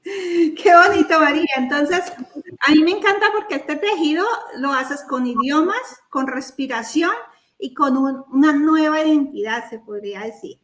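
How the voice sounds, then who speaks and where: Mujer presentadora de voz aguda, conversación animada y risueña; grabación con eco de sala. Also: female voice, sits high, normal speed. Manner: lively, laughing storyteller. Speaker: host. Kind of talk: casual interview talk. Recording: roomy echo.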